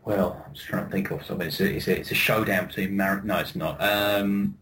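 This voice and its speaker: A man's voice: sits low, fairly even intonation, brisk, fairly bright tone, slight background noise. A man co-hosting a podcast in casual banter, laughing often and repeating himself as he argues. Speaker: podcast co-host.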